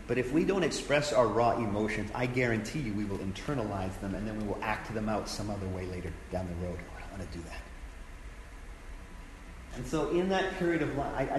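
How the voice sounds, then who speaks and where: A man, a pastor, teaching a sermon in an earnest, conversational way, repeating his key phrases. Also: mid-range voice. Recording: echoey hall with faint background noise.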